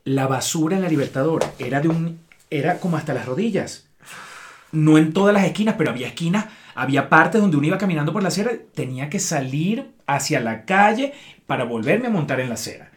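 A man's voice: fairly high pitch, lively intonation, a little fast. A Venezuelan man co-hosting a podcast, telling travel stories in casual, slangy chat. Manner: slangy, storytelling, colloquial swearing. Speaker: podcast co-host.

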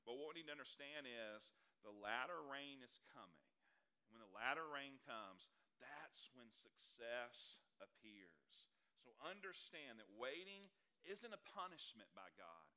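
A man's voice: medium pitch, expressive, unhurried, sharp tone. A middle-aged man preaching a sermon, talking in a folksy way and asking his congregation questions. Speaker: pastor. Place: church hall before a congregation.

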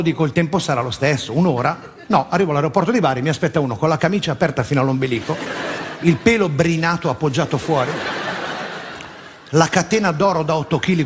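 A man performing a stand-up comedy routine in a theatre, animated and breaking into shouted impressions of regional characters. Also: a little high, slight background noise. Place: large theatre stage before a laughing audience. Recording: live theatre recording, long hall reverb, audible ambience. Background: audience laughter.

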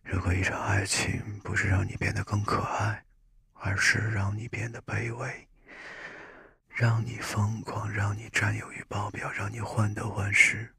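A man voicing a gentle, advice-giving little hedgehog in a breathy whisper. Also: on the low side, exaggerated voice. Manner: soothing, advising.

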